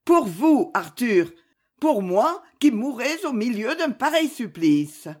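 Casting: tearful passionate young woman, read by a woman, high and husky, storybook reading. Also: big pitch swings, takes it slowly, a little mellow, heavily acted. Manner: pleading, emotional.

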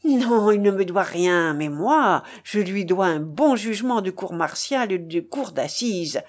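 A woman voicing a furious, thundering older male rear admiral in a storybook reading, booming and indignant. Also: lively intonation, a little slow.

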